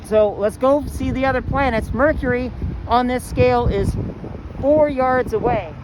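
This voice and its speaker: A woman's voice: a little high, a little slow. A woman teaching a walking astronomy lesson outdoors on a campus, out of breath and explaining with enthusiasm. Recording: wind noise outdoors.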